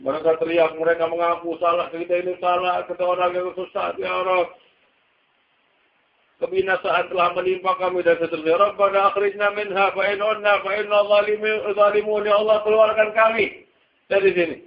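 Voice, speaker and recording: A man's voice: high voice, completely flat delivery, normal speed, echoey room, dull audio. A man preaching a sermon, telling a story dramatically and acting out its voices, mixing Arabic recitation with casual speech.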